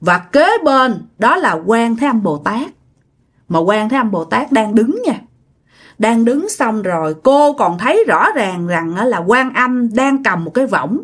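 Woman storyteller, chatty, animated narration. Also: fairly high pitch, unhurried. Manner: chatty and animated, with repeated words and regional fillers. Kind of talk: spoken ghost and spiritual story narration.

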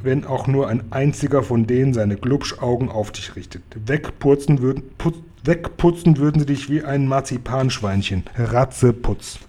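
A man's voice: mid-range voice, moderate pace, few pauses, mellow, close to an everyday voice. A man voicing a kind, big friendly male giant from a storybook, who talks in a folksy way and mangles his words. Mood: earnest. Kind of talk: bedtime story reading.

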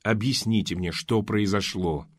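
A man voicing a bewildered, injured young man in an audiobook, asking slow, low, deliberate questions. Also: slightly rough. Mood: insistent. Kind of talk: audiobook character voice.

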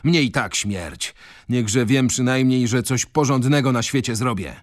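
A man reading aloud and voicing a desperate, reckless young drunkard, with loud, urgent outbursts in a raised voice. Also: medium pitch, a little slow, dry recording, clean studio sound, natural voice. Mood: defiant.

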